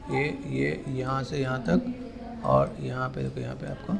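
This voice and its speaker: A man giving a casual, repetitive software tutorial, pointing things out step by step. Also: mid-range voice, monotone, a little slow, vocal fry, over music. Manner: repetitive, keeps saying "here" and "okay". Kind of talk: casual screen-recorded tutorial.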